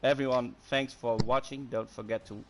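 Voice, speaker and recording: A man commentating an online racing league, asking drivers questions in a measured, slightly halting way. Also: medium pitch, fairly even intonation. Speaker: esports commentator. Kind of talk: post-race commentary chat.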